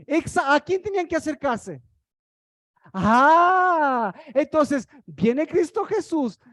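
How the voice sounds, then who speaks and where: High-voiced woman preaching with questions. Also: a little mellow, dry recording, clean studio sound. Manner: asks the congregation rapid rhetorical questions. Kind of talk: sermon.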